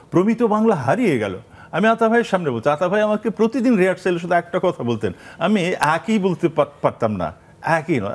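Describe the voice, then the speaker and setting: A middle-aged man, a guest on a studio talk show, speaking in an animated storytelling way. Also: high voice. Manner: animated, storytelling with quoted voices. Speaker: guest, documentary maker and actor. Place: television studio.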